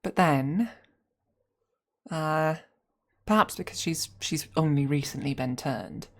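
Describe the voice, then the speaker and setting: A young adult woman, an ASMR streamer, chats casually with her viewers and thinks out loud while planning a role-play with them. She laughs often, swears freely, and speaks in a low voice at an unhurried pace.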